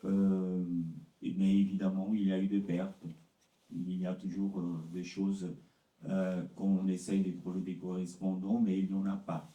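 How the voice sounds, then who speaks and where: A man speaks slowly and haltingly in a conference talk, repeating words as he searches for them. His voice is low, dark and mellow. The sound is distant and echoey, recorded in a hall. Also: monotone. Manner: slow and halting, many repeated words and fillers. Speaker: literary translator presenting his work. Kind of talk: conference talk answering questions.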